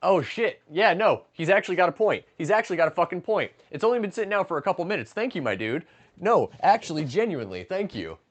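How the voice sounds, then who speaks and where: A man's voice: sits high, very animated, fast talker. Casual, profane man in his late twenties. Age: late 20s. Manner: profane, joking, reading chat aloud. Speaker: livestreamer. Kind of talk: casual livestream chat while cooking. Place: home kitchen, stepping outside to smoke.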